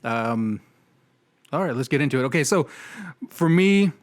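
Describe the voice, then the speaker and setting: A man's voice: medium pitch, normal speed. Young guy hosting a movie podcast, chill and self-deprecating, lots of ums and laughs. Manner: relaxed, self-deprecating, frequent laughs and fillers. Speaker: podcast host. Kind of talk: casual movie review chat.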